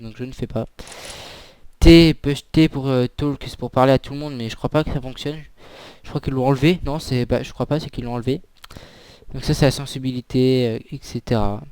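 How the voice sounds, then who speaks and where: A young man giving a casual, halting tutorial on a shooter game while he plays, with many fillers. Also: mid-range voice, a little mellow, clean tone, no echo. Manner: hesitant, many fillers, talks while playing. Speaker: gaming video creator. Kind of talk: casual gameplay tutorial commentary.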